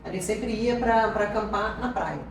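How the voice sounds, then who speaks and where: A woman in her forties with a Minas Gerais accent talks warmly and casually as an interview guest, laughing easily and restarting her phrases. Her voice sits well back from the mic. The room rings with heavy echo over a clear bed of background noise. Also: mid-range voice, moderate pace, far from the mic. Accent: Minas Gerais Portuguese. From Minas Gerais, Brazil. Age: 40s. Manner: lively, laughs, many restarts. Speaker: marine biologist guest.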